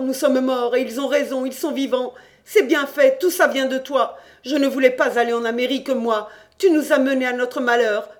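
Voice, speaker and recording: A man reading aloud and voicing a panicky, boastful young man who talks fast and excitedly in an audiobook. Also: very high voice, voice pushed up. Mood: frantic. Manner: rapid, agitated, shouting.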